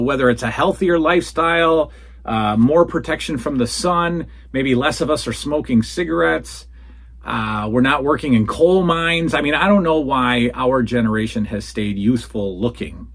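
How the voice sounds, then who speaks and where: A husky, mid-range male voice belongs to a podcast host in his forties who answers listener questions alone from a home den filled with retro toys and posters. He keeps it casual and rambling, calling his listeners folks.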